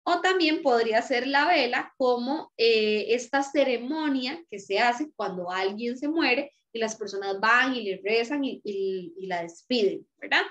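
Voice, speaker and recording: A woman's voice: on the high side, lively intonation, measured pace, few pauses, fairly bright tone, highs cut off. A woman teacher explaining a lesson patiently, often checking in with her students. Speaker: Spanish teacher. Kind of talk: recorded class lecture.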